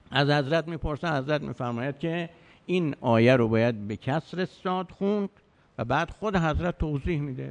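A man's voice: fairly high pitch, a little mellow. A man giving a religious lecture, emphatic and argumentative, counting off his points and asking rhetorical questions.

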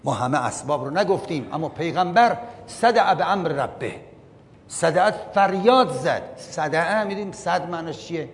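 Man lecturing in a reverberant hall. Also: lively intonation. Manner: reads Arabic passages then explains them, asks the listeners questions. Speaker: religious lecturer. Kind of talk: religious lecture reading and explaining a text. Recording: long hall reverb with faint rumble.

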